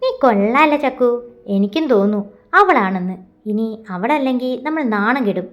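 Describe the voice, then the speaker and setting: Woman doing a laid-back young guy teasing his buddy, highish voice, storybook. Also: animated, moderate pace, muffled recording, lightly acted.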